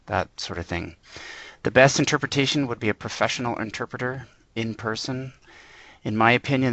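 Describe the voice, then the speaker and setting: A man giving an informal instructional presentation, explaining plainly in short, measured points. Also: lowish voice, a bit bright, no room sound, low-quality recording. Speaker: presenter on working with interpreters.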